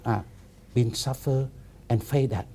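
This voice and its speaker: During a relaxed discussion, a medium-pitched Buddhist monk in his fifties speaks non-native English haltingly, with lots of repetition and restarts.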